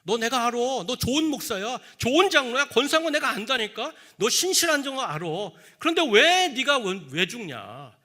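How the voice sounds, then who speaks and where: A man's voice: very high voice, big pitch swings, moderate pace, hardly any pauses, bright, forceful tone, pitched above the performer's own voice, heavily acted. A man voicing a sly, insistent male tempter devil in a sermon, wheedling and mock-friendly with rising questions. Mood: coaxing.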